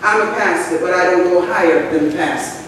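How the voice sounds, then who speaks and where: A woman's voice: fairly low pitch, fairly quick, recorded from a distance, background noise. Older woman preaching in an echoey church. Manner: conversational storytelling with asides to the congregation. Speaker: pastor. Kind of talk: sermon. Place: large church sanctuary, at a pulpit. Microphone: pulpit microphone, far camera. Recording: echoey church hall from afar.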